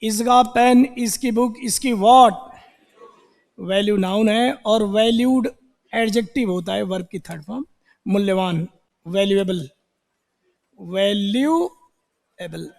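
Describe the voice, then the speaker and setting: A man's voice: high-pitched, takes it slowly, creaky, pauses often, a little mellow, long reverb tail. A male teacher giving a classroom grammar lesson. He repeats words in drills and asks and answers his own questions. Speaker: English teacher.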